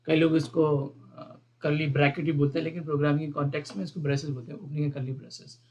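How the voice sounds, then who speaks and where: A man teaching a beginner programming lesson, explaining each part of the code slowly and repeating the terms, often asking his viewers questions. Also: a little high, flat delivery, a little mellow, highs cut off. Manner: explains step by step, repeats terms, mixes English terms into Hindi. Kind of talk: screen-recorded coding lesson.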